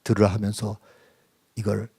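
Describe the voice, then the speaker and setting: A man's voice: fairly low pitch, completely flat delivery, normal speed, gravelly, dark tone, breathy edge, dry recording, clean studio sound. A male preacher giving a sermon as a personal testimony, telling it intimately, sometimes sinking to a whisper and then rising into emphatic questions, with English phrases mixed in. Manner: mixes English phrases into speech. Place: church.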